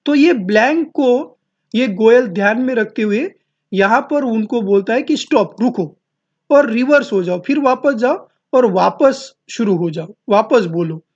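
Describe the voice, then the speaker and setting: A man teaching a class, reading English lines slowly and explaining each phrase. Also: very high voice, expressive. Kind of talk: explaining an English text in Hindi. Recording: dull lo-fi audio.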